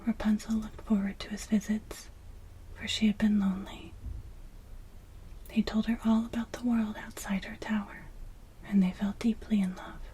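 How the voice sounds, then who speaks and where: A woman reads a fairytale as ASMR in a breathy, unvoiced whisper, very close to the ear. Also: medium pitch, flat delivery, moderate pace, long pauses, warm tone, rough recording. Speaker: storyteller. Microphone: close ear-to-ear microphone.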